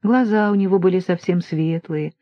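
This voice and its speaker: A woman narrating an audiobook in a calm, measured way. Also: fairly low pitch, no echo, dull audio. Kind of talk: scripted narration.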